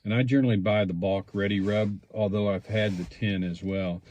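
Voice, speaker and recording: A man giving a casual, rambling product review, speaking in a hesitant, unhurried way as he thinks aloud. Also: fairly low pitch, steady tone, a little mellow. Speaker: pipe tobacco reviewer.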